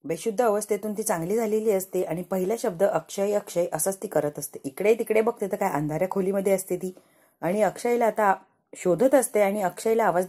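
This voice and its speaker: Mellow-voiced woman retelling a TV serial. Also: mid-range voice, breathy edge. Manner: chatty, lively retelling. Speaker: narrator. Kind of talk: casual TV serial recap.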